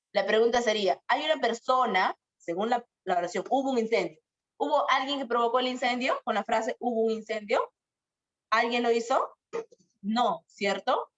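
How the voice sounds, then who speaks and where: Young woman teacher, fairly high voice, questioning manner, dull lo-fi audio. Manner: questioning, drawn-out examples. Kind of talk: online grammar lesson. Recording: muffled lo-fi sound.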